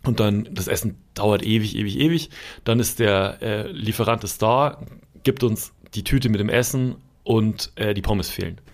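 A man's voice: lowish voice, moderate pace. A man in his thirties co-hosting a casual podcast chat, rambling through a story with fillers and restarts. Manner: shouts out quoted lines when retelling. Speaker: podcast co-host.

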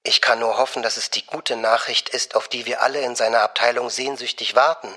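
A man voicing a gushing young female bank secretary, soft and honeyed, sometimes dropping to a whisper. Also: medium pitch, steady tone, a little fast.

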